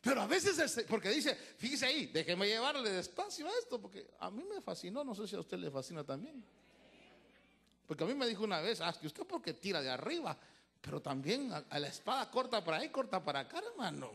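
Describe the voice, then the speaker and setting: A high, gravelly male pastor with a Central American Spanish accent preaches with wild swings of pitch. His husky voice jumps from quiet asides to shouted cries. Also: big pitch swings, fairly quick. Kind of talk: sermon.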